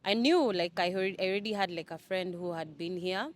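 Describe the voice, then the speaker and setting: Kenyan woman, low voice, hesitant. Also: fairly quick. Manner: hesitant, many fillers and restarts. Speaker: interview guest. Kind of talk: casual interview answers. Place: Dubai.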